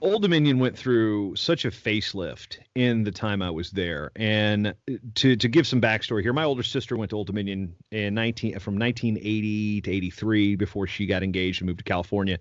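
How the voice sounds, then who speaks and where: A man's voice: lowish voice, brisk, dry recording. Guy in his 40s rambling through stories, dry dull-sounding recording. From Virginia. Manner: rambling storyteller with many restarts. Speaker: podcast guest. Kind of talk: casual conversational interview.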